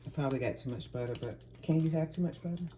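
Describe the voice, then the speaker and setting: A woman's voice: low voice, very fast, a little hiss or hum. A woman, chatting with viewers in a casual home cooking vlog and thinking aloud as she cooks. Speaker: home cook vlogger. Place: home kitchen. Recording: home kitchen audio with loud frying sizzle. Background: frying and sizzling in a pan.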